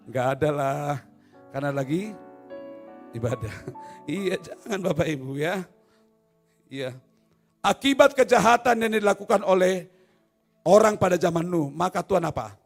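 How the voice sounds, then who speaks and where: A man with a fairly high voice preaching a sermon in a church hall. He swings from hushed asides to shouted appeals and slips teasing jokes in between. Faint music plays softly behind him. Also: animated, a little slow, long pauses. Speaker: pastor. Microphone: no mic at times.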